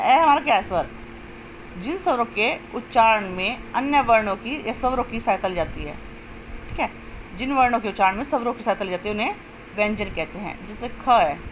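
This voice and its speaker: A woman teaching a grammar lesson step by step, asking questions and answering them herself, and drawing out sounds slowly to show them. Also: fairly high pitch, a bit bright, slight background noise, poor audio. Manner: explains step by step, asks and answers own questions. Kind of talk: classroom-style lesson.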